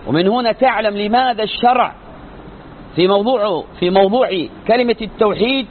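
A man's voice: high-pitched, brisk. A man teaching a religious lesson in an emphatic style, asking rhetorical questions and answering them himself. The recording sounds thin and narrow, with faint noise behind him. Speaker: sheikh teaching creed. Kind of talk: religious lecture.

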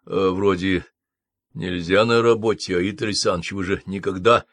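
A man's voice: low-pitched, steady tone, moderate pace, fairly bright tone, no echo, studio quality. A man voicing a timid, confused junior colleague who speaks hesitantly and politely in an audiobook.

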